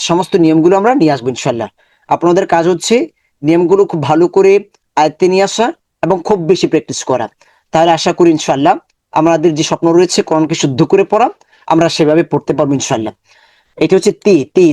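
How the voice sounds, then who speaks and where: A man's voice: on the high side, dark tone, no room sound. A man teaching Quran reading online, patiently repeating letter sounds again and again for practice. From Bangladesh. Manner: repeats syllables over and over for practice. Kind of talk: online lesson, drilling Arabic letter sounds.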